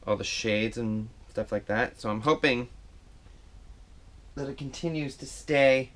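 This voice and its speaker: A man's voice: medium pitch, measured pace. A man chatting casually through a makeup tutorial at home, rambling and self-deprecating, recorded on an action camera. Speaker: makeup vlogger.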